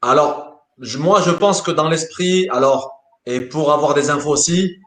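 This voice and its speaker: A man, a sports coach, answering interview questions in a lively way, often repeating words as he thinks. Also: fairly high pitch, measured pace. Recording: roomy echo.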